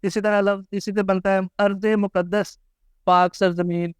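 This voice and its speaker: Man, language teacher. Patient, repeats words slowly. High, smooth voice, dry close mic. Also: flat delivery, no room sound. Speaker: Urdu pronunciation teacher. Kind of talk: slow, careful teaching monologue.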